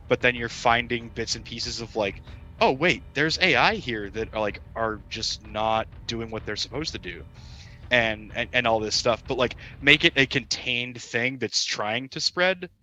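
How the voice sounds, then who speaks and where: A man's voice: medium pitch, bright, forceful tone. A man on a podcast panel in casual chat, loose-tongued and swearing freely, on a podcast mic.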